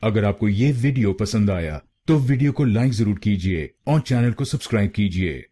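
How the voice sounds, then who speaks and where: A man giving a scripted pronunciation lesson, speaking slowly and carefully and repeating each syllable. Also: on the low side, animated, dark tone. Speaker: pronunciation teacher.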